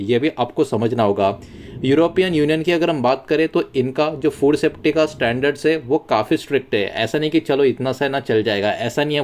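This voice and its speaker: A man's voice: fairly high pitch, a little mellow. Man explaining market news casually. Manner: conversational, mixes English words into Hindi, repeats phrases. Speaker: stock market channel host.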